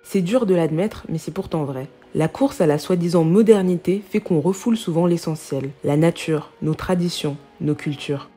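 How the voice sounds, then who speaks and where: Woman host, low voice, calm scripted voice-over, clear music underneath. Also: normal speed, hardly any pauses. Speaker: vlog host and narrator.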